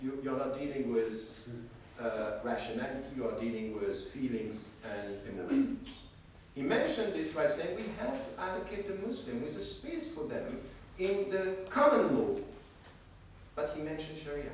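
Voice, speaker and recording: A man's voice: medium pitch, darkish tone, slight background noise. A man from Switzerland giving a workshop lecture in an emphatic way, often repeating words as he searches for the next one. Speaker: workshop speaker. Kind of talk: academic lecture. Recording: echoey hall, distant mic.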